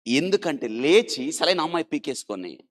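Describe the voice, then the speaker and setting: A male doctor tells a dramatic story in an interview, swinging between loud emphasis and quiet asides and urging listeners to listen and think. His voice is fairly high, very animated and brisk.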